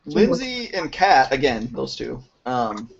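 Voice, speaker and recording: A man acting as game master, narrating a tabletop game in a loose, halting way with frequent laughs. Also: mid-range voice, sing-song, vocal fry. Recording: dull lo-fi home recording with faint noise.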